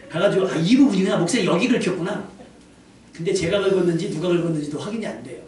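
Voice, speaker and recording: A man's voice: sits high, a little hiss or hum. A man preaching a sermon as pastor. He tells stories in a chatty way and acts out the quoted lines. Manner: conversational storytelling, acting out quotes. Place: church sanctuary. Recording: echoey church hall, mic at a distance.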